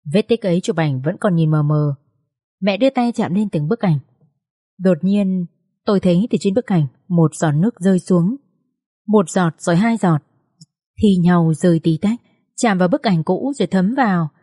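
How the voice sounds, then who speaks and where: Low, mellow woman narrating a story. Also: no room sound, studio quality. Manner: slow, emotional storytelling. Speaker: audiobook narrator. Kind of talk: scripted first-person story narration.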